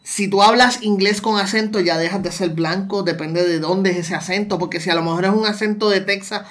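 A man's voice: high-pitched, fairly even intonation, fairly quick, fairly bright tone. A man with a Puerto Rican accent talking in a casual discussion, often restarting and repeating words. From Puerto Rico.

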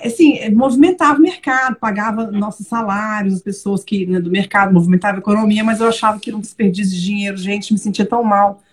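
Chatty Brazilian woman, husky voice. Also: medium pitch, fast, few pauses. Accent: Brazilian Portuguese. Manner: chatty, animated, laughs easily. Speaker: guest, low-carb advisor. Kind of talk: casual live chat.

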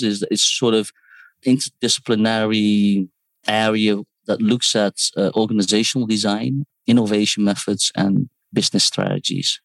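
On a rough, dry recording, a man with a low, creaky voice is a guest in a conversational interview about his work. Born in South Korea and raised in the Netherlands, he founded a startup and teaches design. He comes across as thoughtful, often restarting words and slipping in asides quoting others.

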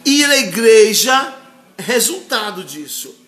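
A man's voice: high-pitched, very animated, unhurried, a bit bright, roomy sound, faint music behind. A man with a Brazilian Portuguese accent preaching a fervent, emotional live-streamed sermon and greeting viewers by name.

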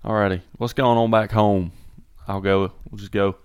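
A man's voice: on the low side, fairly even intonation, moderate pace, smooth, no echo, clean studio sound. A young man co-hosting a casual podcast, joking and upbeat as he chats with friends and reads a verse aloud. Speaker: podcast co-host.

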